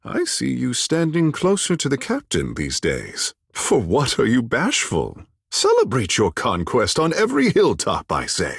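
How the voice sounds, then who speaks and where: Tekēhu, theatrical swooping sea-folk godlike. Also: male voice, mid-range voice, slightly rough, no echo, studio quality, heavily acted. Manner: languid, flirtatious, grandiose, formal phrasing. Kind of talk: fantasy video game character dialogue.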